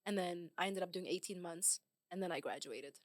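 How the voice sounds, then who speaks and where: Lively woman telling stories. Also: fairly low pitch, fairly quick, dry recording, clean studio sound. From England. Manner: lively anecdotal storytelling, often laughing. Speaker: guest. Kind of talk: casual podcast interview.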